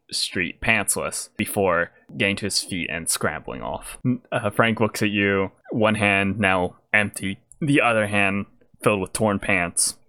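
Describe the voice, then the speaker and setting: A man running a tabletop role-playing game, narrating in a deep, unhurried voice. He pauses with frequent fillers as he paints the scene, recorded close and dry. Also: no echo. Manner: descriptive, relaxed narration with frequent "uh". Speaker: game master.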